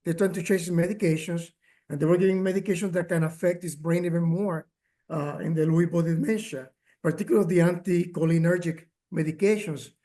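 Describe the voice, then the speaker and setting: A man speaking as a caregiver at a workshop, telling his story with many pauses, fillers and restarts, and growing emotional at times. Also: a little high, fairly even intonation, dark tone. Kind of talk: personal testimony, remote talk.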